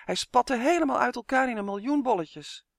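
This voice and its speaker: A man narrating a children's storybook in a measured, expressive reading. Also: extremely high pitch, gravelly, no echo, studio quality. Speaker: audiobook narrator.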